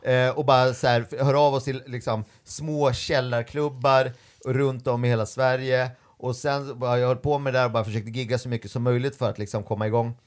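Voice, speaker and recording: Animated man telling comic stories. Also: mid-range voice. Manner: animated, acts out quoted voices. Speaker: stand-up comedian guest. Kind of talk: casual storytelling chat.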